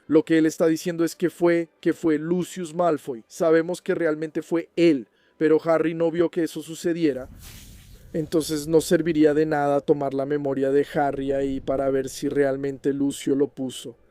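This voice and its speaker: A man's voice: fairly high pitch, level tone, moderate pace, mellow, clear, resonant tone, dry recording, faint music behind. A man hosting a fan channel, casually answering viewer questions and checking in with the listener as he explains. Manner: chatty, keeps checking in with the listener.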